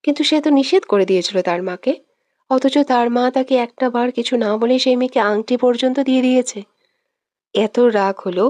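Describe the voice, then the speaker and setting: A woman narrating a romantic audio story in a steady, expressive reading voice on a close mic. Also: a little high, dry recording.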